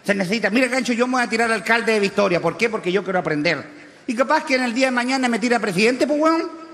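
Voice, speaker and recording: Brief: a loud, crude country huaso from Chile, high-pitched and bright, on a reverberant live stage. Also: male voice, lively intonation, fast talker, heavily acted. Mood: boastful. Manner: brash, crude slang, shouty punchlines. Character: crude rowdy rural Chilean huaso man running for mayor. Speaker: comedian in character. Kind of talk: stand-up character monologue.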